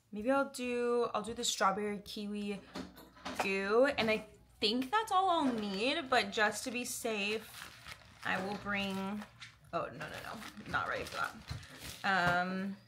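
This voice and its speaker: A woman's voice: medium pitch, noisy background. A woman chatting casually to camera as a vlogger, in an informal, everyday way. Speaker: running vlogger.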